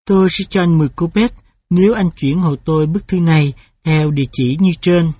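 A man reading the lines of a young woman student who speaks quietly and in a hurry, in an audiobook. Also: on the high side, slightly rough, no room sound. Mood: pleading. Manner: quiet and hurried. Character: young woman student, pleading in a hurried hush.

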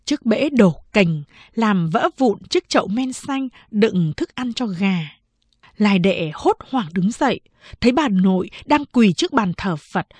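Woman narrator, audiobook, unhurried and husky, dry close sound. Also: medium pitch, no echo. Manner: even, measured storytelling.

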